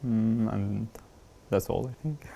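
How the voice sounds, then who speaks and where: Young man, dark gravelly tone, hesitant interview answers. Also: lowish voice. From Syria. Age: 20s. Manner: halting, searching for words with many fillers. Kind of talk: documentary interview.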